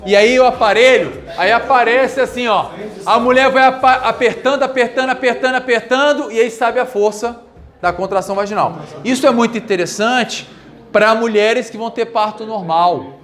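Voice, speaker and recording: A man in his forties from Brazil leads a live classroom lecture, calling out exercise cues in an upbeat, insistent coaching way. His voice sits high for a man. Faint music plays behind him. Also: moderate pace. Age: 40s. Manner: energetic, coaching with repeated commands. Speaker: physical education lecturer. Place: classroom with audience.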